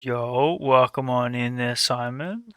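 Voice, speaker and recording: A male game streamer chatting casually on a live stream, greeting viewers by name in an easygoing, low-key way. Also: slow pace, clear, resonant tone, no room sound. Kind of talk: casual live-stream chat while playing.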